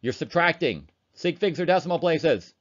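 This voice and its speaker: This online chemistry lecture features a male instructor who keeps things casual and talkative as he works calculator problems. His voice is a little high and expressive, delivered at normal speed. Audio quality is dull and lo-fi.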